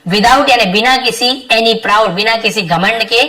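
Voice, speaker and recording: Bright-voiced woman tutor explaining patiently. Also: fairly high pitch, recorded from a distance, rough recording. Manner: reads English phrases very slowly, then explains word by word. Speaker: English tutor. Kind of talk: bilingual translation lesson.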